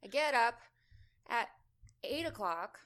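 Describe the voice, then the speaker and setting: A woman co-hosting a gaming podcast, telling a story in an animated way and laughing often. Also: on the high side, slow. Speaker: podcast co-host. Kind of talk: casual chat.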